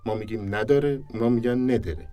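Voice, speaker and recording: A speech and diction teacher explains things emphatically in an interview, repeating his points for stress. His mid-range voice has lively intonation and a darkish tone. The mic is distant, with faint music in the background.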